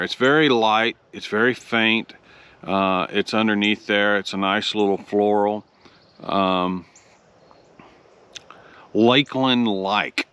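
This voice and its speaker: A man from Oklahoma hosting a casual review, explaining things in a measured, deliberate way. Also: fairly low pitch, fairly bright tone, smooth. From Oklahoma, United States. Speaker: pipe tobacco review host.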